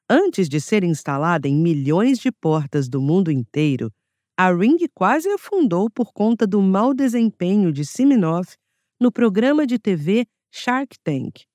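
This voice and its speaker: A woman with a Brazilian Portuguese accent reading a nonfiction audiobook in a clear, measured narration. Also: on the low side, darkish tone, no echo, clean studio sound. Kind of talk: scripted narration.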